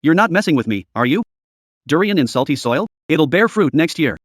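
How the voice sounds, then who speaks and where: An actor playing a generous veteran nursery owner who speaks in a lively, skeptical way in a dubbed drama. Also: male voice, fairly high pitch, a little fast, no room sound, studio quality. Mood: hearty.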